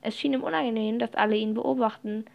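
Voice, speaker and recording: Woman, storybook narrator, fairly high voice, lively reading, small slips and restarts. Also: quick pace, gravelly, muffled recording. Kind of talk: audiobook reading.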